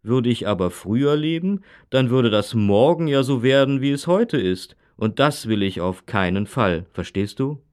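A man's voice: mid-range voice, lively intonation, normal speed, few pauses, a little mellow, clear, resonant tone, lightly acted. Guy playing grumpy old dad in a lesson dialogue, grumbles about today. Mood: grumpy, stubborn. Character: grumpy old father nostalgic for the good old days. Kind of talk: scripted language-lesson dialogue.

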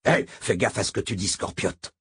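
A hot-tempered armed driver , as a man puts him on in an audiobook, growling out blunt lines. The voice sits deep and strongly husky. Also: moderate pace. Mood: gruff.

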